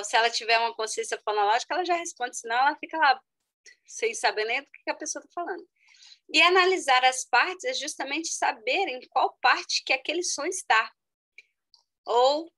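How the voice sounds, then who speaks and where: Bright-voiced woman giving an online lecture. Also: low-quality recording. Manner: explanatory, addresses the audience as "gente", lively with sudden high exclamations. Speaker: educational psychologist giving a talk.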